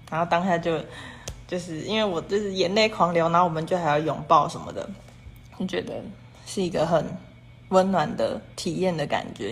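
A woman hosting a casual livestream, talking in long rambling runs strung together with "and then" and chatting with viewers about their comments. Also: fairly low pitch. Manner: rambling and repetitive, strings clauses with "and then". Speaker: livestream host.

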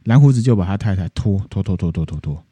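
Casting: male podcast host, low and very dark tone, dry sound, animated storytelling. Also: fast talker, breathy edge, no echo. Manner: animated, playful retelling with acted voices. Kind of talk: casual storytelling chat.

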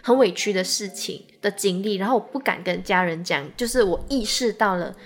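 A young woman with a Taiwanese Mandarin accent co-hosting a podcast in casual chat, calm and reflective. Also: medium pitch, brisk. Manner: calm and reflective, finishes the other's sentences. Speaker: podcast co-host.

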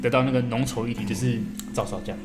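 Fast-talking Taiwanese man over music. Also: medium pitch, steady tone. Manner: blunt, crude slang, repeats himself. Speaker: podcast speaker explaining a recipe. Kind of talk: casual chat, explaining step by step. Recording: music playing behind the talk.

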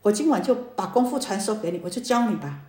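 A woman's voice: medium pitch, animated, quick pace, mellow, natural voice. A woman voicing an old male master thief who speaks in a sly, coaxing way in a sermon story, in an echoey room.

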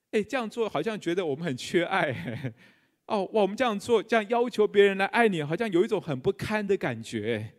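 A middle-aged male pastor with a Taiwanese Mandarin accent gives a live sermon in a church, joking and putting questions to the congregation. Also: high voice. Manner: humorous, conversational, quizzes the congregation. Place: church sanctuary.

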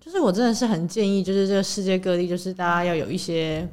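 A woman with a slightly low voice talks quickly on a casual chat show. She tells her story with many fillers and restarts, searching for her words as she goes. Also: darkish tone. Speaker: podcast co-host.

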